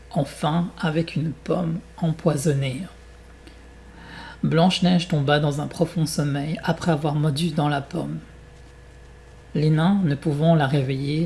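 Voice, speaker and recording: A man with a French accent, teaching French by reading a fairy tale aloud and then walking learners through exercises slowly and deliberately. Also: a little high, gravelly, darkish tone, a little hiss or hum.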